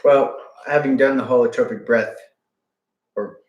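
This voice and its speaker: A man co-hosting a casual book discussion who talks haltingly, searches for his words and swears. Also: mid-range voice, steady tone, reverberant, muffled recording. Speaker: podcast co-host.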